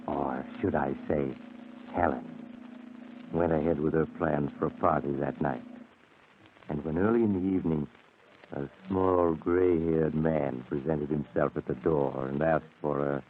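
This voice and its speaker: An ominous storyteller of eerie tales, narrating a 1940s radio mystery with a strikingly deep, cavernous voice. He speaks in measured, grave tones. The sound is tinny and lo-fi like an old radio broadcast, with a faint hiss underneath.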